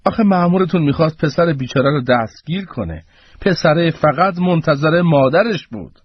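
A meek, pleading old man who apologizes slowly, as a male radio narrator puts him on. The voice is husky and lively in pitch, carried over a dull, muffled broadcast.

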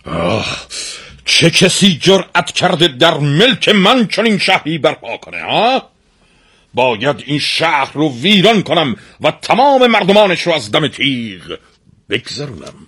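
A man's voice: sits high, animated, voice pushed up. Man playing a raging tyrant king. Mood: angry, imperious. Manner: blustering, shouting threats. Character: furious arrogant male king of old.

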